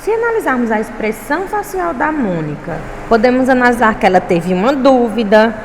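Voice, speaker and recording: A primary school teacher with a Brazilian Portuguese accent records a lesson for her pupils, speaking a little fast in a slightly high, sing-song voice. She is patient and checks in with them often, while the echoey room carries faint traffic noise.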